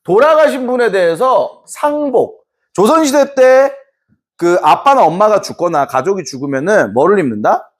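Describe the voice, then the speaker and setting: A man's voice: high-pitched, lively intonation, normal speed. A man teaching a history class to students in a playful lecture, laughing and acting out quotes.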